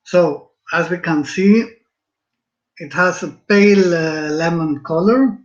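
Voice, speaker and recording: A man from Switzerland presenting a wine in an online seminar, speaking calmly with frequent fillers over a video call. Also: fairly high pitch, takes it slowly. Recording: roomy, dull video call audio.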